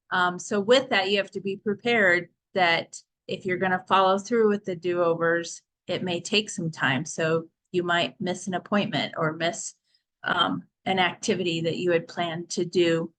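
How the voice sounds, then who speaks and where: A middle-aged woman counselor giving a training talk to parents in a calm, measured, explanatory way. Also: fairly low pitch, low-quality recording.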